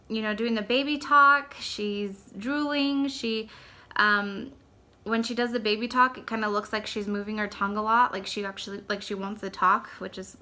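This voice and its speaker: A woman's voice: medium pitch, bright, forceful tone. A young woman, a mother, chatting casually in a vlog, rambling with lots of filler words. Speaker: mother vlogger. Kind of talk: casual chat.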